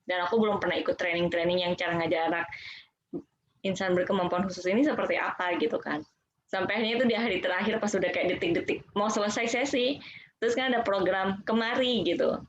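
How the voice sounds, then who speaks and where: A woman talks in a loose, chatty flow, dropping fillers as she tells about teaching special-needs children. Her voice sits at an ordinary middle pitch. The sound is dull and lo-fi, like audio from an online call. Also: quick pace, background noise. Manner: chatty, heavy use of fillers. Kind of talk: casual live chat storytelling.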